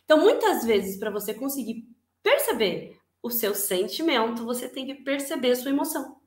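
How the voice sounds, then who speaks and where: A Brazilian woman teaches a class in a bright, slightly high voice. She talks in an animated way and keeps putting rhetorical questions to her listeners. Her voice carries a roomy echo. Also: normal speed. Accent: Brazilian Portuguese. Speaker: teacher giving an online class. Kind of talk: lively spoken lecture. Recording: echoey room.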